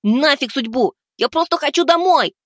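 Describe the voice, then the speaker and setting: Shrill, frantic young guy yelling threats. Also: expressive, moderate pace, no room sound, clean studio sound. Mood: defiant. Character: panicked young man screaming threats. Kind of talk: audiobook story narration.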